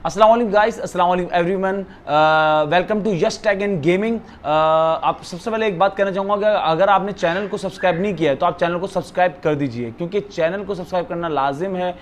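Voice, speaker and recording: A man with a Pakistani accent giving an eager, repetitive teleshopping-style sales pitch as a phone retailer. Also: brisk, hardly any pauses. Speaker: phone retailer presenting stock. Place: living room of a house, indoors. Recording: some background noise in a room.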